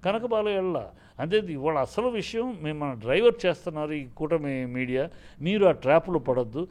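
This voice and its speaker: A man's voice: fairly high pitch, lively intonation, fairly quick, a little mellow. A man, a film producer, talking combatively in a heated interview, indignant and often breaking off mid-word to restart. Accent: Telugu.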